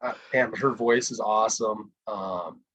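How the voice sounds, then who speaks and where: Guy cohosting a podcast over a video call, jokey and animated, kinda husky. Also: fairly low pitch, a little slow, rough recording. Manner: animated, laughs often, joking. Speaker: podcast co-host. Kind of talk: casual chat.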